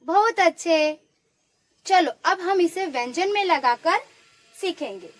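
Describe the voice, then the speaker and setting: Woman, primary school teacher, very high voice, slow and drawn out, coaxing, repeats sounds for kids to echo. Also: animated. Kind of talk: online lesson for young children.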